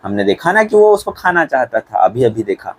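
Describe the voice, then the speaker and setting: A man teaching a school English lesson, reading English lines out slowly and then explaining each one in Hindi. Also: medium pitch, very animated, no echo. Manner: slow, careful pronunciation drilling with repeated words.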